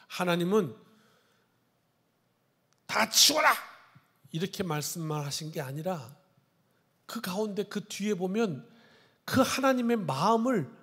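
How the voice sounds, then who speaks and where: A man's voice: sits high, slightly rough. A man preaching a sermon as a pastor, reading scripture aloud and then explaining and exhorting the congregation. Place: church sanctuary. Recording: long hall reverb.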